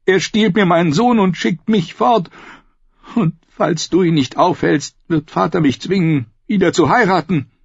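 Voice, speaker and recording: A man's voice: a little high, moderate pace, vocal fry, a little mellow, husky, dry recording, pitched above the performer's own voice. A man voicing a proud, desperate adult queen in a raised voice, pleading and scornful by turns, in an audiobook reading. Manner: pleading, then scornful and biting. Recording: dull lo-fi, dry.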